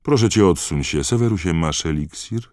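Man reading a calm old wizard headmaster. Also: low voice, moderate pace, dry recording, clean studio sound, pitched above the performer's own voice. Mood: firm. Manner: quiet, calm questioning.

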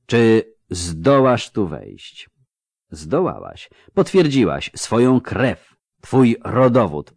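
A man as a calm, aloof ancient elf. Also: fairly low pitch, vocal fry, no room sound, studio quality, exaggerated voice. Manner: slow, quiet, measured speech.

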